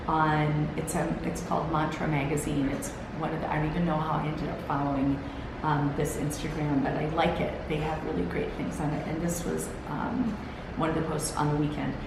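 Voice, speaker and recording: A tired woman hosts a solo motivational talk, speaking earnestly to a camera on a timer in a gravelly, slightly low voice. She is encouraging but rambles, restarting her sentences. The room echoes strongly over a steady hiss.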